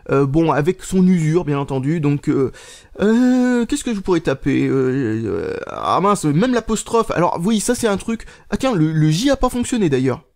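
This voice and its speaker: A man with a somewhat high voice gives a casual hands-on phone review. He talks haltingly, circling back with fillers and restarts. He mutters to himself as he types and swears under his breath at a faulty keyboard. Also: a little mellow. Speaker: tech reviewer.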